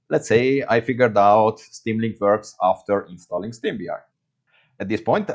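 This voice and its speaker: A Hungarian man with a Hungarian accent presents a scripted product review to camera in English, his non-native language. His voice is medium-pitched and the audio sounds dull.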